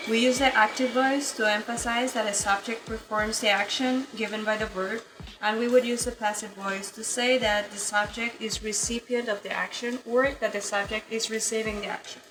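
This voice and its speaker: A woman with a fairly high voice leads an online English grammar session, patiently explaining and frequently checking on her students. Her computer mic in the virtual session produces a low-quality recording.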